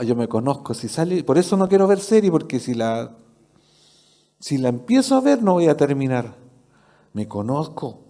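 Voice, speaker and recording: A male pastor with a Chilean accent preaches a sermon in a church service, talking with his listeners rather than at them. His voice sits a little high for a man yet sounds mellow and soft-edged. He keeps turning to the congregation with direct questions. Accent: Chilean Spanish.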